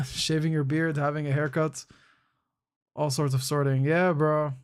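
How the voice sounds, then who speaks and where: Smooth and unhurried, his fairly high voice barely moving in pitch, a relaxed young streamer answers his chat live. He keeps it slangy, calling people "bro," and restarts often as he thinks out loud.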